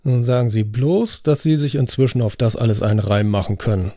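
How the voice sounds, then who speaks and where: A man voicing a gruff, skeptical middle-aged detective in an audiobook, blunt and grumbling. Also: mid-range voice, a little fast, mellow, no echo, clean studio sound, natural voice.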